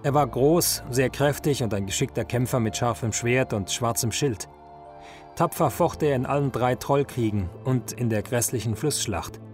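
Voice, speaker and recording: A man voicing a learned male high priest, speaking in a knowing, lecturing way in a storybook reading. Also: moderate pace, darkish tone, soft background music, close to an everyday voice.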